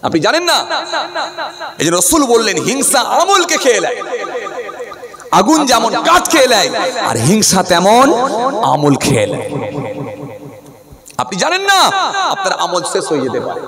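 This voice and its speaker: A man delivers a waz sermon in a high, hoarse voice. He swings into chanted, rising bursts and keeps throwing questions at his listeners. A large crowd is clearly heard around him. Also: huge pitch swings, normal speed, pauses often. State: hoarse, unwell. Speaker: Islamic preacher.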